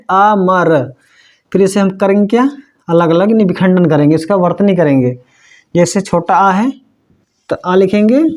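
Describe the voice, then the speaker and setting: A middle-aged man teaching a language lesson slowly and patiently, repeating each step and checking that the learners understood. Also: high-pitched, a little mellow. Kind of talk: slow blackboard-style language lesson.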